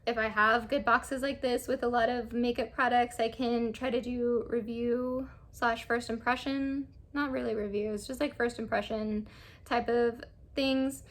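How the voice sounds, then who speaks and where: A woman's voice: on the high side, steady tone, measured pace. A young woman chatting casually through a makeup try-on, rambling with lots of fillers. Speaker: beauty vlogger.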